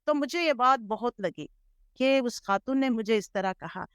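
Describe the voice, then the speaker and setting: A woman's voice: on the high side, lively intonation, clean tone, no room sound, clean studio sound. Earnest middle-aged woman recalling her life. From Hyderabad, India. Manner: measured, earnest storytelling with English words mixed in. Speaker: interview guest, Islamic scholar. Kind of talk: reflective life-story interview.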